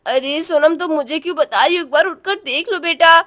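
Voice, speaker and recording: A woman's voice: high-pitched, a little fast, sharp tone. A woman voicing a drowsy village mother in a doll story, answering reluctantly. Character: village mother woken by her daughter.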